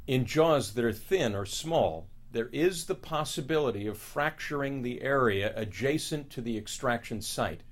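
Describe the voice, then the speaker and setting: A man playing a calm oral surgeon, explaining in measured, formal scripted narration. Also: medium pitch, lightly acted. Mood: measured, explanatory. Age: 50s. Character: calm middle-aged male oral surgeon advising patients. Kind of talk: scripted patient-education narration.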